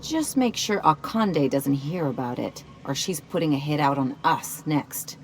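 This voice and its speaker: An actress playing a curt, wary hired gun in a video game. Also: female voice, low-pitched, animated, measured pace, slight background noise.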